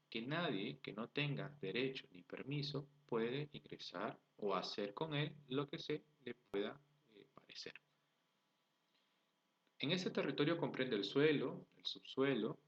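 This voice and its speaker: A man with a Peruvian accent teaching a class, explaining step by step, asking rhetorical questions and checking in with his students. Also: medium pitch. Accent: Peruvian Spanish. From Peru. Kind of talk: recorded online class lecture. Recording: dull lo-fi recording.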